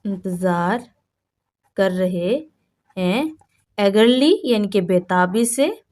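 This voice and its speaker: Woman teacher slowly reading out English. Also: mid-range voice, expressive, darkish tone. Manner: reads English phrases very slowly, then explains them in quick Hindi-Urdu; repeats words and says "yaani ki" often. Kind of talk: slow classroom-style vocabulary lesson.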